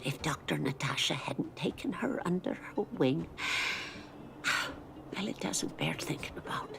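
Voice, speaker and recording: A woman voicing a game character, a mother sadly recounting a family's tragedy in soft, sorrowful dialogue. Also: low voice, expressive, a little slow, gravelly, noisy background, full character voice. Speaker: game character, a mother telling a sad story.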